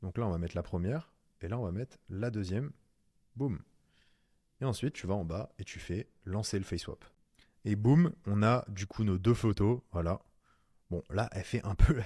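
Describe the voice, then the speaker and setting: Laid-back french guy walking you through a screen tutorial, lowish voice, dry close sound. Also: darkish tone, no echo. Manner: chatty, addresses viewer as "tu", slangy. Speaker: online course instructor. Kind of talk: casual screen-recorded tutorial.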